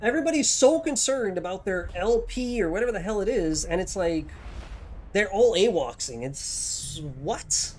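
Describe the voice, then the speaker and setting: A man's voice: high voice, expressive, normal speed. A young man streaming a game live, exasperated and swearing in slangy casual commentary. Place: home streaming setup.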